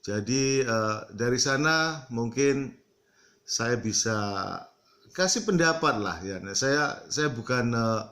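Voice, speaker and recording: A middle-aged man from East Java talking casually to his viewers, halting often with fillers and slipping into English. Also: mid-range voice, expressive, a bit bright. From East Java, Indonesia. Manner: halting, many fillers, mixes English into Indonesian. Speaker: vlogger. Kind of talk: casual talk to camera.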